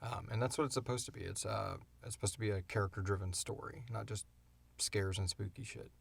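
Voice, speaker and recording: The podcast host, a middle-aged audio drama creator, keeps up a loose, self-deprecating Q&A chat at home. Here his lowish, slightly rough voice runs a little fast with fairly even intonation and some vocal fry.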